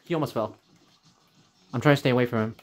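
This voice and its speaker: A man's voice: mid-range voice, quick pace. A man hosting a casual gaming video, pleading, groaning and getting frustrated as he plays. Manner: excitable, groans and pleads while playing, frustrated. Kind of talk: casual gameplay commentary.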